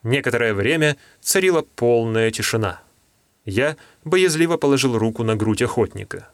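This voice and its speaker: A man reading a fantasy novel aloud as an audiobook narrator, in a measured storytelling manner. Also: medium pitch, expressive, no room sound.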